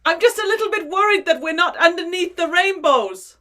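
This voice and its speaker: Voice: extremely high pitch, lively intonation, a little fast, sharp tone, pitched above the performer's own voice, heavily acted. A performer voicing a worried leprechaun with a clumsy put-on Irish accent. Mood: fretful. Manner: fretful, clumsy brogue.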